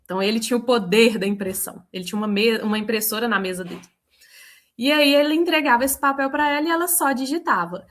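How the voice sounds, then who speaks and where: Uma mulher com sotaque mineiro que conta casos do trabalho numa chamada de vídeo, imitando as falas dos outros com animação. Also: female voice, a little high, quick pace. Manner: animated, quotes herself and others. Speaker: book club participant. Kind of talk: casual storytelling in a video call. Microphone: video call.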